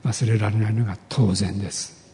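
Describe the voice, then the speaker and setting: A man gives a heartfelt sermon testimony in a mellow, darker voice. He tells his story in a measured, earnest way, and his words ring out with a long echo through a church hall. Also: fairly low pitch, steady tone, a little hiss or hum. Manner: earnest, measured storytelling with rising emotional emphasis. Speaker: pastor.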